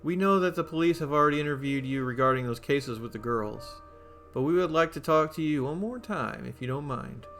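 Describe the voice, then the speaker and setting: A man's voice: on the high side, animated, brisk, a bit bright. Guy reading a polite fbi agent, formal questions, music faint under it. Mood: businesslike. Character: FBI agent, businesslike adult man.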